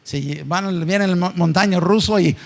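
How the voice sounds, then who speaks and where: A man preaching a sermon in a church, often asking the congregation rhetorical questions and acting out quoted voices. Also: normal speed. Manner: acts out quoted voices with sharp pitch jumps. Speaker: pastor.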